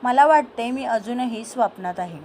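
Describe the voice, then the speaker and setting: A shy, emotional young woman in love, quiet and hesitant, as a woman storyteller reads her. The voice is fairly high and soft, over a faint background hiss. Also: lively intonation, moderate pace, natural voice. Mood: wistful.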